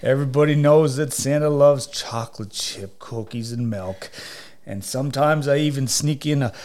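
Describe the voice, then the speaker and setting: A man's voice: medium pitch, normal speed, darkish tone, lightly acted. A man playing jolly old Santa Claus in a podcast interview, chuckling and saying "oh, dear" often.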